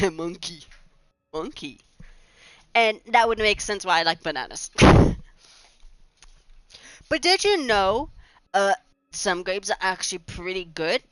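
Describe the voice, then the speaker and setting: A woman's voice: medium pitch, expressive, slow, long pauses, a bit bright, dry recording, poor audio. A woman, rambling chattily over gameplay with restarts and giggles. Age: 20s. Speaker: gaming channel host. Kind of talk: casual gameplay commentary.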